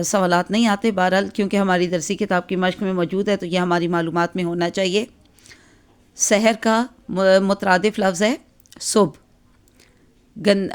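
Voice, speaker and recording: A woman with a Pakistani Urdu accent teaching an exam-focused grammar lesson, explaining patiently with frequent check-ins and filler pauses. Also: mid-range voice, smooth.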